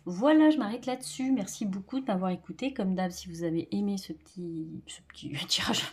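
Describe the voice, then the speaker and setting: A woman's voice: mid-range voice, a little fast, mellow, husky. A woman with a French accent giving a casual tarot reading, talking loosely with frequent fillers and repeated words. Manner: chatty, loose, repeats herself, informal fillers. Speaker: tarot reader.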